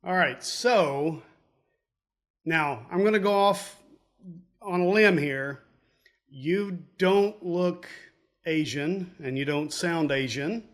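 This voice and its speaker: A man's voice: on the high side, slow pace, pauses often, fairly bright tone. A man hosting a casual interview, chatty and poking fun at himself. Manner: chatty and self-deprecating. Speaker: host.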